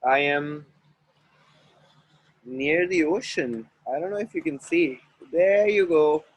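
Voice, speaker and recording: A man from India, speaking with an Indian accent, guides an online group call from outdoors by the ocean through clearing phrases. His delivery is deliberate and chant-like with repetition, his pitch fairly high, and the audio poor.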